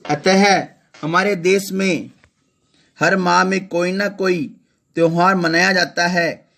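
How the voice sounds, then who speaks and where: A man's voice: sits high, steady tone, creaky, a bit bright. A male primary school teacher explaining a poem line by line, correcting himself as he goes. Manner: reads poem lines slowly and melodiously, then explains in plain words.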